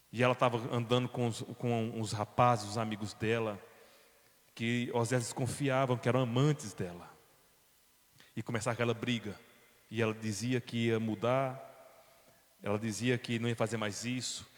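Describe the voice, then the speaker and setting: A man with a Brazilian accent, a pastor telling a Bible story in a sermon, dramatic, moving from quiet to loud. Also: medium pitch. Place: church. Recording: long church reverb.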